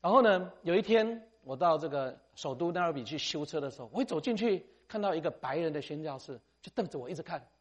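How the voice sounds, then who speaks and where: A middle-aged man preaching, lively and conversational. He tags his sentences with a chatty "ha" and drops English phrases into his talk. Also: fairly high pitch, quick pace, hardly any pauses. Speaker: missionary speaker. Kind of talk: sermon.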